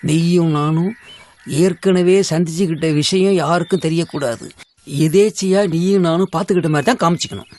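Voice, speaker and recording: An actor playing a scheming village marriage broker who scolds and bosses people around in a sly way. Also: male voice, fairly high pitch, fairly quick, a little mellow, natural voice. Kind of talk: film acting.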